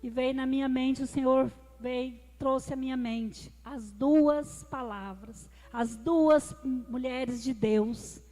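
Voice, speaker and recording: High-voiced woman testifying in a church. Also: fairly even intonation, slow pace, few pauses, dark tone. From Brazil. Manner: emotional storytelling, addresses the congregation as brothers. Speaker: deaconess giving a testimony. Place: church hall. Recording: reverberant church hall with music.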